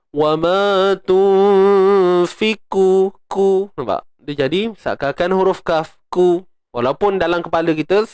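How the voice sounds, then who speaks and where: Smooth-voiced Malaysian man teaching recitation. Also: a little high, dry recording, clean studio sound. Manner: explains step by step, chants verses in a raised voice. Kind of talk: tajwid lesson with recitation.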